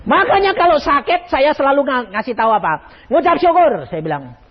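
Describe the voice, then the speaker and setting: Lively older preacher. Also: male voice, extremely high pitch, fairly quick. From Indonesia. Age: 80s. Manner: animated, acts out dialogues in a shifting voice. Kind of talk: sermon. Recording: dull lo-fi sermon recording.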